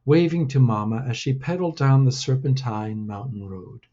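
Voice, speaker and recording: A man reading his own storybook aloud in a deliberate, measured way. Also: mid-range voice, warm tone, lo-fi sound.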